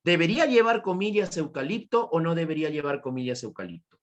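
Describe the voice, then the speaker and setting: A man's voice: on the high side, animated, quick pace, dull audio. A man teaching an online class with a Peruvian Spanish accent, repeating his points and asking students questions. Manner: repetitive, questioning students, praising answers.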